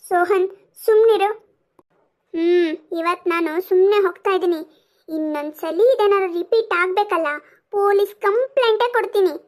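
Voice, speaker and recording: A haughty cartoon mother scolds and sneers with open scorn, as a woman plays her. Her voice is very high and sharp-edged. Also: normal speed. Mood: scornful.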